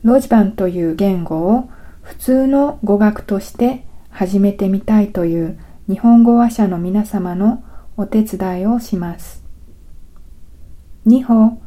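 A woman teaching a language lesson in a careful, scripted narration, slowly explaining sounds step by step. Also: medium pitch, dark tone. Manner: slow, careful, deliberate explanation.

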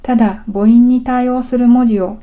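A woman giving a scripted language lesson, patient and careful, pausing for drills. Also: fairly high pitch, fairly even intonation, warm tone. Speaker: language teacher.

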